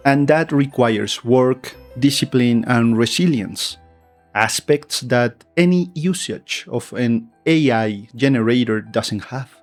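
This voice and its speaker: A man who speaks English as a second language, delivering scripted opinion commentary in a deliberate way, stressing key words. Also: medium pitch. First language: not English. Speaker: video essay narrator, VTuber. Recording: faint music behind. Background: background music.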